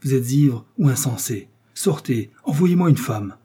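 A scheming, defiant noblewoman, voiced by a man reading aloud, her lines husky and warm-toned. She bristles with indignation. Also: mid-range voice, lively intonation, a little slow. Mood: indignant. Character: cunning, fierce young noblewoman.

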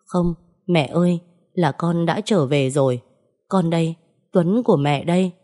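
A woman's voice: fairly low pitch, unhurried, dark tone. A woman voicing a remorseful young man, a fugitive son, speaking in a pleading, contrite way.

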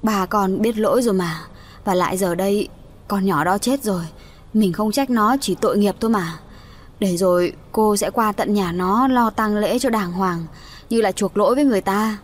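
Woman voicing a brisk village aunt. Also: medium pitch, lightly acted. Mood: soothing. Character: scolding middle-aged aunt.

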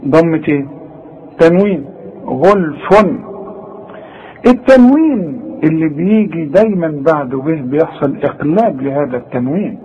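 High-voiced Egyptian man teaching recitation. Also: lively intonation, dark tone, lo-fi sound, slight background noise. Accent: Egyptian Arabic. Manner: corrects mistakes, models recitation slowly, then explains quickly. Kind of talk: tajweed lesson.

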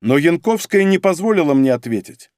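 A man narrating a story in the first person, in an expressive, theatrical reading. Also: on the high side, brisk, dry recording, clean studio sound. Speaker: audiobook narrator.

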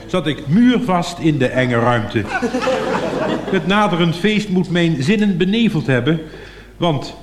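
A man telling a comic monologue in a droll, mock-formal way, heard on an echoey, noisy archive recording. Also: on the high side. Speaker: comic storyteller.

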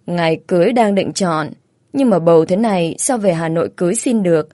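A brisk older mother-in-law, as a woman reader puts her on, bossy but caring, fussing in a storybook reading. The voice sits low and the sound is dry and close. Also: mellow, no echo, close to an everyday voice. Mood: firm. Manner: bossy, practical, scolding kindly.

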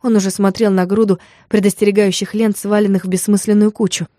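Woman narrator, audiobook, mellow, measured, dry recording. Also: medium pitch, flat delivery, no echo. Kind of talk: scripted narration.

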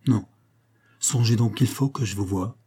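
A man reading the lines of a devoted male friend in an audiobook, measured and pleading. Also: lowish voice, warm tone, slightly rough. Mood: restrained, pleading.

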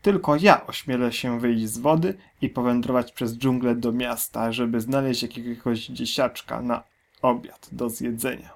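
Man putting on a huge gloating storybook crocodile, loud, greedy, slow and drawn out. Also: medium pitch, fairly even intonation, gravelly. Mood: greedy boastful.

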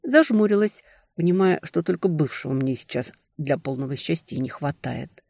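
A woman narrating a romantic fantasy novel in an expressive storytelling manner. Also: sits low, normal speed, gravelly, dry recording, clean studio sound. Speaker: audiobook narrator.

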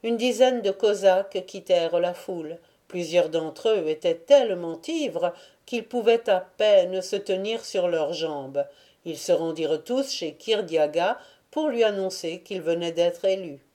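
A woman narrating a classic novel as an audiobook reader, in a measured, deliberate reading. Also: on the low side, animated, warm tone.

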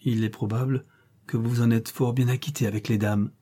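A man's voice: mid-range voice, fairly even intonation, fairly quick, mellow, close to an everyday voice. A man reading the part of an earnest, guarded young governess in an audiobook, raising his voice a little for her.

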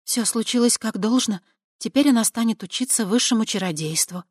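Brief: reader doing a young witch, high, sharp, hot-tempered; dry audiobook sound. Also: a little fast, dry recording, lightly acted. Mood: eager. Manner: high, sharp, emotional delivery. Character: fiery young woman witch, quick-tempered. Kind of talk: audiobook character voice.

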